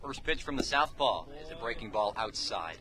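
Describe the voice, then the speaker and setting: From his spot beside the field at an outdoor ballpark, a man calls live baseball on the radio. His fairly low voice is animated and moves at a moderate pace through clipped, descriptive phrases, with a crowd behind him.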